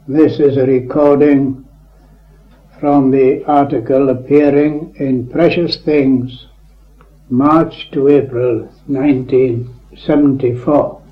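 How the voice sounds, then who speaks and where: Solemn preacher guy reading his sermon out slow and measured, old muffled tape recording. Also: medium pitch, steady tone. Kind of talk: reading a written address aloud.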